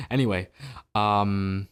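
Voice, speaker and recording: A low-pitched man from New Jersey carries a one-man political commentary podcast. He talks in a sarcastic, opinionated way and throws out rhetorical questions at his listeners. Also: smooth. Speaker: podcast host. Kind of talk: solo political commentary monologue.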